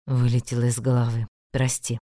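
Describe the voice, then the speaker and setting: Lady doing a deep-ish dry young lord, curt and teasing, audiobook. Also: completely flat delivery, normal speed, warm tone, dry recording. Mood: offhand. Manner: low, clipped and sardonic.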